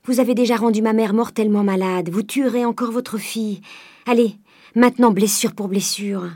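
A desperate young daughter begs her father in a high, loud, imploring voice, as a woman reader puts her on. The tone is husky, heard close and dry, like a storybook reading. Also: fairly even intonation, normal speed, no room sound, natural voice. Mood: pleading, desperate.

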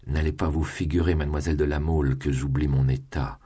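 A man voicing a proud, ambitious young man of humble birth, in an exultant, defiant tone, with a husky voice. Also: extremely low pitch, fairly even intonation, fairly quick, dark tone. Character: young ambitious peasant-born male tutor, proud.

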